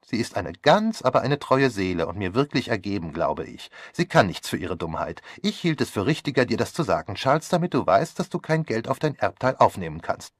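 A man's voice: lowish voice, big pitch swings, fairly quick, few pauses, no room sound, clean studio sound. A man reading an audiobook voices a flippant young man who talks in a breezy, sardonic way. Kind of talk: audiobook character voice.

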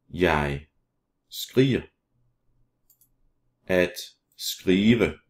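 A man teaching vocabulary, saying each word slowly and then repeating it. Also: deep voice. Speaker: language teacher. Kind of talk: slow vocabulary drill reading.

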